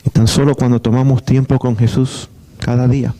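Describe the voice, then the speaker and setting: A middle-aged male pastor delivering a sermon in a warm, mellow voice at an ordinary pitch. He speaks earnestly, circling back to repeat phrases and restarting words as he goes. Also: little pitch movement, moderate pace.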